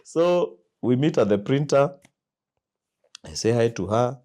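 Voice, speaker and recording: Animated Kenyan man telling stories. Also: mid-range voice, a little slow. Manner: animated storyteller who acts out quoted dialogue and laughs loudly. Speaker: guest, company founder. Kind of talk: storytelling interview.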